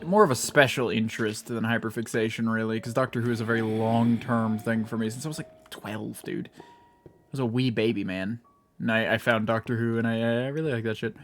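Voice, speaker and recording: A man's voice: mid-range voice, steady tone, brisk, faint music behind. A young American man giving casual, rambling, self-mocking commentary while he streams a game, swearing freely. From United States.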